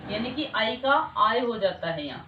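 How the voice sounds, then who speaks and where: Patiently repeating each point of a grammar lesson, a young woman keeps checking that her students follow. Her voice is a little high and expressive at normal speed, recorded in an echoey room with dull lo-fi sound and faint noise.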